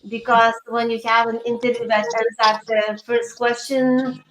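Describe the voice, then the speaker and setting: In an echoey room with noise in the background, a Lithuanian-accented woman answers interview questions. She works as a career coach and speaks in a fairly high, very even voice, earnest but halting.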